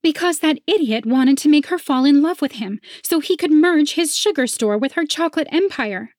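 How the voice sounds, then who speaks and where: A shrill, snooty potion seller from a storybook, scheming and haughty, her voice pushed very high, as a woman narrator puts her on. Every line comes out sharp and superior in a dry, close recording. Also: lively intonation, normal speed, no echo.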